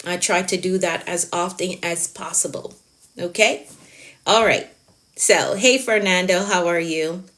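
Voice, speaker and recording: A productivity coach talks on a live stream in a lowish, slightly bright voice at a measured pace. She's encouraging, motivational and emphatic, repeating her key phrases and answering viewers' comments.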